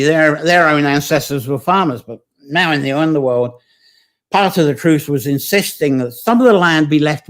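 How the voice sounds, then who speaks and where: A man hosting a live online folklore session, talking in a chatty, digressive way and stopping to greet viewers and read their comments. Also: on the high side. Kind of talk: informal live-streamed folklore talk.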